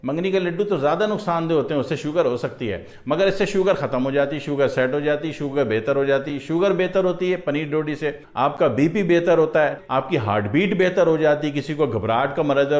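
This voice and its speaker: A man's voice: a little high, reverberant. A man in a casual, chatty health talk about herbal remedies, repeating his points and tossing in joking asides.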